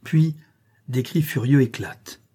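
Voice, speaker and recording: A male narrator reads a novel aloud with expressive, dramatic phrasing. His voice is dark and mellow, with a husky edge. He sits at a middle pitch. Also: unhurried. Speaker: audiobook narrator.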